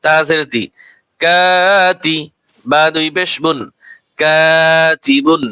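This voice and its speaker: A man with a high, bright voice teaches Quran reading at an unhurried pace. He spells out each letter and vowel mark, then draws the whole word out in a long chant. He repeats his main points as questions to the learner, recorded close and dry. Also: steady tone, smooth, dry recording, rough recording. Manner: drawn-out sung recitation of each word.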